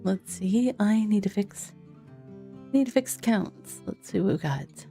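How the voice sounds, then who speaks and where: Streaming a game from home, a woman chats casually with her viewers, laughing often and using loose fillers. Her medium-pitched voice is animated, slow, and mellow, with vocal fry. Faint chill music plays in the background.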